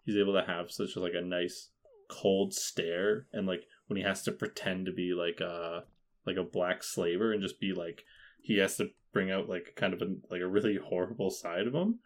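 A man's voice: low voice, fairly even intonation, normal speed. A man chatting casually about a film on a podcast, rambling with many fillers and frequent laughter.

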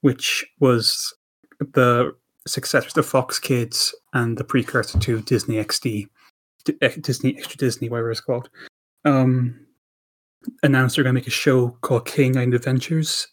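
A man's voice: mid-range voice, fairly even intonation, normal speed, husky. A man co-hosting a podcast in casual chat, rambling with frequent fillers and restarts. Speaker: podcast co-host.

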